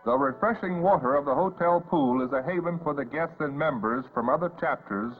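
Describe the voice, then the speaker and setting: A man's voice: on the high side, a little fast, breathy edge. An American man reading scripted 1950s newsreel narration in an announcer's delivery. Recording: muffled vintage newsreel audio, phone-like band. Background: loud background music.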